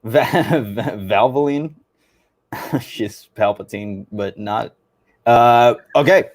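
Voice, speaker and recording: A young man co-hosting a casual history livestream, chatty and quick to laugh. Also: medium pitch.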